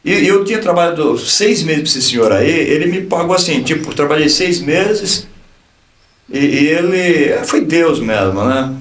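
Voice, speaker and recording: A man in his fifties with a Brazilian Portuguese accent, a lawyer and pastor giving an animated personal testimony on a podcast, stumbling and restarting as he goes. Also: fairly high pitch, moderate pace. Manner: animated storyteller, acts out dialogue, frequent restarts. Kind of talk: personal testimony in casual conversation. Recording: echoey room, distant from the mic.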